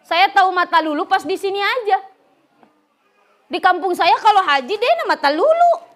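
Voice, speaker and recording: A middle-aged woman preacher from West Java giving a humorous religious lecture, telling stories lively and laughing often. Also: very high-pitched, normal speed. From West Java, Indonesia. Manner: lively storytelling, acting out characters, frequent laughter. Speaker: female Islamic preacher.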